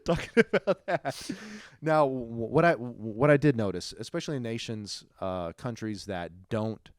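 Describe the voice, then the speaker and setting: A young man co-hosting a casual faith podcast, talking in animated bursts and laughing often. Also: medium pitch, unhurried, no room sound, clean studio sound. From Ukraine. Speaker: podcast co-host. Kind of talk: casual chat.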